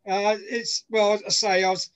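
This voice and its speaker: Older man with a higher voice chatting. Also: flat delivery, measured pace, clean tone. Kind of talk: casual video call chat. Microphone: video call.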